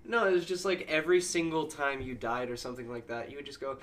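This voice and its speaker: A man's voice: fairly high pitch, quick pace, a bit bright. A man co-hosting a podcast, chatting casually with loose, crude, joking banter. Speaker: podcast co-host. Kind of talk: casual chat.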